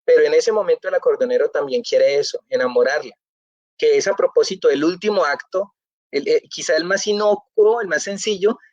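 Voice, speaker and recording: A man, a novelist being interviewed, speaking thoughtfully and pausing with fillers as he searches for words. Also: a little high, a little mellow, no echo. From Colombia. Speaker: novelist guest. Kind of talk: reflective festival interview. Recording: dry, dull lo-fi audio.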